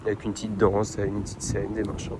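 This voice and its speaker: A man's voice: fairly low pitch, monotone, a little fast. A young man from France chatting casually in a travel vlog at night, rambling with many hesitations and slang, filmed on a handheld phone outdoors by the water. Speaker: vlogger. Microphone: handheld phone camera. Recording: wind noise on phone mic. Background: wind and outdoor ambience.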